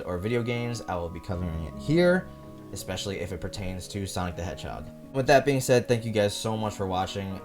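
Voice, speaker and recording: A young man delivers scripted commentary as a video host. His voice is on the low side, with faint music playing behind him.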